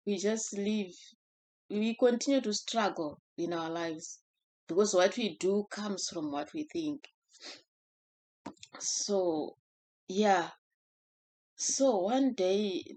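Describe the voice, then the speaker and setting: Slow, low-pitched woman giving a gentle devotional talk. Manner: unhurried, gentle, with fillers and self-corrections. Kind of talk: personal devotional teaching.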